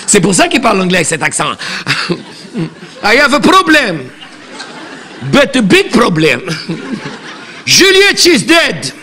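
High-pitched old granny, played by a man, chatty, bossy, theatrical, repeats herself, bright voice. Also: a little hiss or hum, exaggerated voice. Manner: chatty, repeats words, scolds the audience. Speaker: comic stage character. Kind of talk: live stand-up character comedy. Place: theatre stage.

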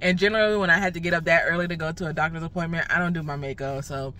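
A woman's voice: low-pitched, fairly even intonation, racing, sharp tone. A young woman ranting casually in a vlog from her car, her speech slurred from a numb, swollen mouth after dental work, laughing at herself and swearing freely. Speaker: vlogger.

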